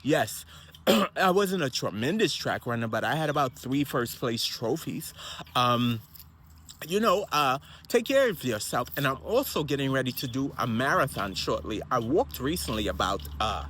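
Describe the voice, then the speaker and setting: A man who is a minister delivers a rambling, repetitive motivational monologue about health and family, full of wandering asides. His mid-range voice is sing-song, a bit bright and slightly rough, and he speaks at a measured pace.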